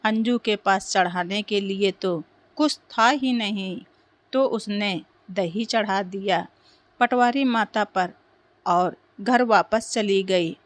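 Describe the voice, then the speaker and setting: A woman narrating a moral folk tale in a steady, simple storytelling manner. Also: mid-range voice, slow pace, no echo.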